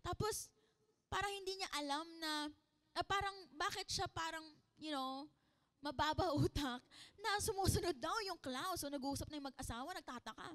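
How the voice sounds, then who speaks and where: A young woman with a Filipino accent preaches to a youth service. Her voice sits high, and she keeps it playful, joking with the crowd and shouting the big lines of her story. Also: moderate pace. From Philippines. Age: 20s. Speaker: youth pastor. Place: church youth service hall.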